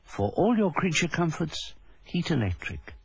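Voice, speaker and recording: Husky, lively male advert announcer, low bitrate. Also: unhurried. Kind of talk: scripted advert tagline.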